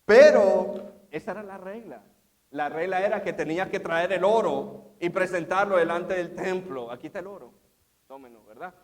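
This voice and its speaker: A man's voice: high voice, normal speed. A man preaching a sermon as pastor, asking his listeners questions and chuckling as he reads aloud. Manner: animated, asks the congregation questions, laughs often.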